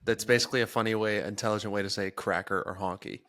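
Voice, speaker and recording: A man's voice: fairly low pitch, fairly even intonation, fast talker, a bit bright, dry recording, studio quality. A man in his mid twenties co-hosting a podcast, laid-back and sarcastic, swearing casually. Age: 20s. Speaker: podcast co-host. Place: home office.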